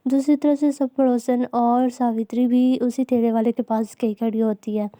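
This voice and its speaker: A woman narrating a cartoon story in a plain, unhurried way. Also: fairly high pitch, fairly even intonation, mellow, no room sound, studio quality.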